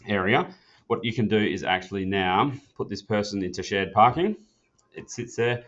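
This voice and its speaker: This instructor has a low-pitched, fairly bright voice and demonstrates an office phone system in an informal tutorial. He's casual, plain-spoken, and practical, guiding a learner step by step, and the recording comes across as dull, muffled, and lo-fi.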